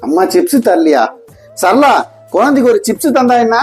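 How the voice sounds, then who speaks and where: A woman's voice: a little high, animated, moderate pace, darkish tone, soft background music, natural voice. A woman playing a patient husband and adoptive father in a comedy skit, speaking in a soothing, coaxing way.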